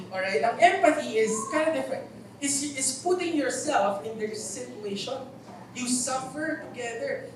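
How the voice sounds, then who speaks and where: A man with a Filipino accent, preaching a sermon in a church hall, telling stories with jokes and asking the congregation questions. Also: extremely high pitch. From Philippines. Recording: very echoey hall, voice from far off, faint noise.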